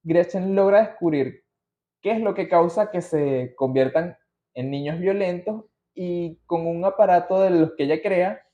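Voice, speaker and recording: His voice sits high and moves at a measured pace as this Venezuelan man hosts his podcast. He goes through his notes casually, using slang and drifting into side stories, in a muffled, room-echo recording.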